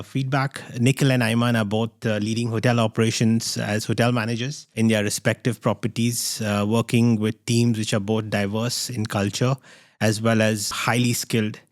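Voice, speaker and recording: A man's voice: on the low side, dry recording, clean studio sound. Middle-aged man hosting, rambling. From Goa, India. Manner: rambling, many restarts and fillers. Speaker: podcast host. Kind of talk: casual interview chat.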